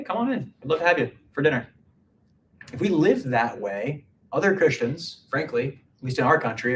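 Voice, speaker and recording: A man's voice: medium pitch, recorded from a distance, a little hiss or hum. A man preaching a casual midweek sermon, chatty and full of "like" fillers. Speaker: pastor.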